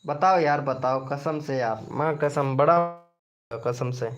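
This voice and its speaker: On dull, lo-fi stream audio with faint music behind him, a man speaks slowly at a medium pitch. He's hosting a casual live stream, bantering with viewers, frequently laughing and swearing by oath.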